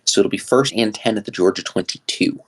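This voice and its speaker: A man giving play-by-play commentary on a football game, with steady, conversational calls and frequent fillers. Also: lowish voice, a little fast, vocal fry, breathy edge.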